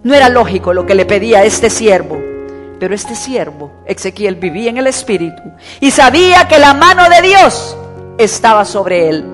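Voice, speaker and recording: A woman's voice: medium pitch, expressive, moderate pace. A woman preacher, delivering an emphatic sermon and repeating key words for stress. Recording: echoey church hall with faint music.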